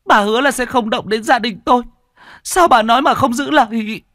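A man's voice: very high voice, brisk, a bit bright, no room sound, studio quality. A man voicing a distraught, remorseful middle-aged wife who pleads and stammers in an audio storybook. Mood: outraged, pleading.

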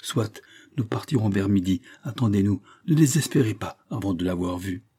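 A man reading an audiobook, voicing a resolute old grandfather who reasons in a measured, firm way. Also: on the low side, animated, warm tone, slightly rough. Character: grave, resolute grandfather, protective and calm.

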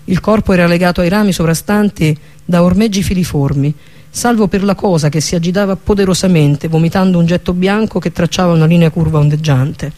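A man narrating a fantasy audiobook with a steady, even reading manner. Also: high voice, fairly quick. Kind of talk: scripted narration of a fantasy novel.

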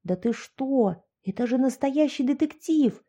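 A woman voicing a bold, excitable young woman friend in an audiobook story. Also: high voice, measured pace, pitched above the performer's own voice. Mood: excited. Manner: brash, excitable, cheeky.

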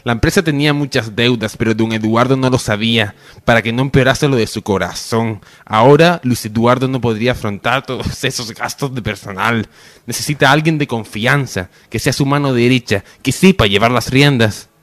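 A man's voice: medium pitch, a little fast, a bit bright, natural voice. Man acting a loyal best friend. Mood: earnest. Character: reassuring, loyal young male best friend. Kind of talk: amateur radio soap opera acting.

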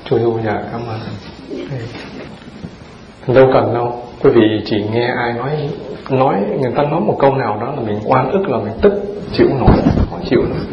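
A man's voice: mid-range voice, moderate pace, heavy background noise. A man, a Buddhist monk giving a dharma talk, firing rhetorical questions at his audience in a folksy, humorous way. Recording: roomy dull hall recording with audience present.

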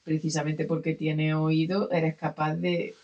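A man's voice: a little high, monotone, a little slow, darkish tone, lo-fi sound. A man who is a guest on a community radio show, chatting and telling stories about music. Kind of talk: casual radio chat.

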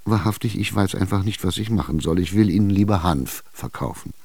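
A fretful old widow , as a male reader puts her on, drags out her words in a low, hesitant whine. She sounds stubborn and easily frightened, and the dry, close recording of this radio play keeps every sigh near. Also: gravelly, darkish tone, dry recording. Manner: slow, hesitant, whining. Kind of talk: radio drama reading.

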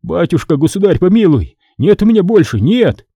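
A man voicing a poor, one-eyed peasant who pleads in a trembling voice and shouts bitterly. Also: a little high, animated, moderate pace, no echo, muffled recording, voice pushed up. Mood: pleading.

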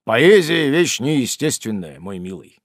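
A man voicing old Mr Weller, an elderly father who scolds and laments over his son in a loud, slow, emphatic way. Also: mid-range voice, sing-song, no room sound, clean studio sound. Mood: lecturing.

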